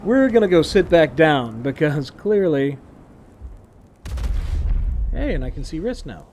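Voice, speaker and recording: A man's voice: fairly high pitch, very animated, unhurried, darkish tone, a little hiss or hum. A man casually narrating his own gameplay as a streamer, talking to himself with wry, sarcastic asides.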